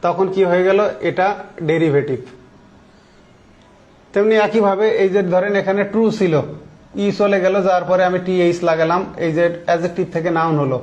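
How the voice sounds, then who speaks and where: High-voiced man teaching grammar. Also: steady tone, fairly quick, darkish tone, lo-fi sound. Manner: explains step by step, asks the class questions. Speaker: English teacher. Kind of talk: classroom grammar lesson.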